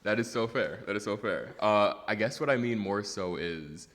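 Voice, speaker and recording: A man's voice: on the low side, expressive, normal speed, fairly bright tone, in a large hall. A man hosting a studio interview, asking light teasing questions and laughing easily. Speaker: podcast host. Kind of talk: casual interview.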